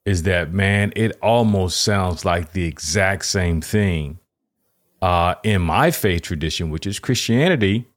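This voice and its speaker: A man's voice: low-pitched, measured pace. A man hosting a podcast, a chaplain, asking rambling questions and repeating words. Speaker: podcast host and Navy chaplain. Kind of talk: casual interview talk.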